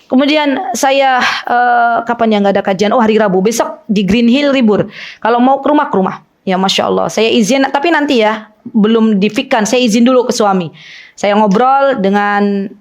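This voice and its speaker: A woman with a slightly high voice gives a relaxed religious study talk to her listeners. She teaches in a chatty, storytelling way and keeps checking in with them using small tag words. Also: moderate pace. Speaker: Islamic women's study teacher.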